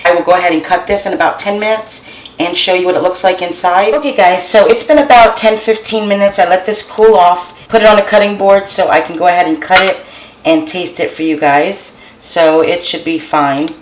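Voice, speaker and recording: A woman's voice: lowish voice, fairly even intonation, a little fast, roomy sound, background noise. A woman hosting a casual home cooking tutorial, chatting to her viewers and calling them guys. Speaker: cooking channel host. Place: home kitchen.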